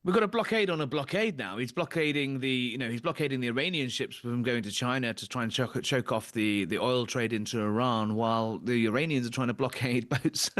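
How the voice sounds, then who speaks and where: A man's voice: mid-range voice, fairly quick, few pauses, a bit bright. A man hosting a political talk show from Washington, firing off indignant rhetorical questions. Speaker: host. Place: studio in Washington DC.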